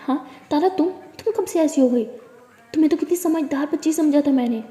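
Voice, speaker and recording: A woman's voice: a little high, fairly even intonation, brisk, warm tone, natural voice. A woman voicing an anxious, emotional mother who upbraids her daughter, in an echoey room. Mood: worried scolding. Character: worried emotional scolding mother. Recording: echoey room with long reverb.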